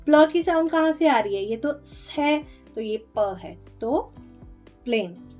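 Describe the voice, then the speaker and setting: High-voiced teacher sounding out phonics. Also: female voice, expressive, darkish tone, soft background music. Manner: sounds out letters slowly, patient and explanatory. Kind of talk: explaining worksheets in a lesson.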